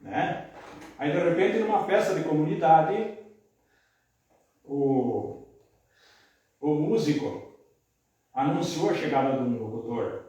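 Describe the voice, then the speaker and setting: A middle-aged man tells rambling, folksy anecdotes as a podcast guest. His voice sits a little high for a man. The sound is very echoey, with the mic some way off. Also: lively intonation, slow, pauses often, warm tone. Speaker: podcast guest, radio announcer and singer. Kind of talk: casual conversational storytelling. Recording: echoey room, mic at a distance.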